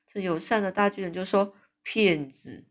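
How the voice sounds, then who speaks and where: Storyteller: woman, mid pitch, story read-aloud with chatty asides. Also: fast. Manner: animated, adds chatty asides and fillers.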